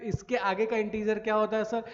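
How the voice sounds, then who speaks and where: Male maths teacher, high voice, step-by-step lecture, asks and answers his own questions, dull lo-fi sound, long room echo. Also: little pitch movement, brisk. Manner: frequent checks for understanding. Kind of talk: recorded classroom lecture. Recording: dull lo-fi audio in a reverberant room.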